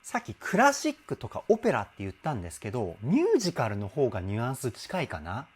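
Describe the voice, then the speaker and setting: A man's voice: medium pitch, huge pitch swings, slightly rough. A man working as a vocal coach, giving casual commentary on a song and explaining singing technique with enthusiastic admiration. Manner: speaks with soft drawn-out "uun" sounds while listening.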